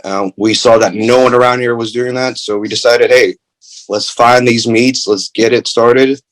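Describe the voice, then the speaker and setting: A young man from Greece, co-owner of a food truck, answering interview questions casually with many pauses. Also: mid-range voice, poor audio. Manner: relaxed, lots of "um" pauses.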